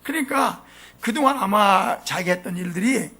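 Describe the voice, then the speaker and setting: A man preaching a sermon as pastor, animated and often asking the congregation questions. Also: high voice, normal speed. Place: church sanctuary.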